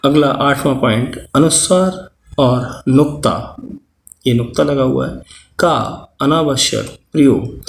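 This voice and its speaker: A male teacher gives a methodical spelling lesson, pacing himself very slowly and setting correct words against incorrect ones. His voice sits in an echoey room with a faint hum behind it. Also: medium pitch. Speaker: Hindi teacher.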